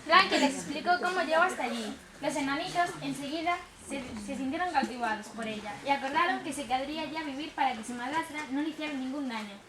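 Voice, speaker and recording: A woman's voice: sits high, quick pace, few pauses. A young woman narrating a scripted children's fairy tale in a school play. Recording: echoey stage, far mic, audience noise.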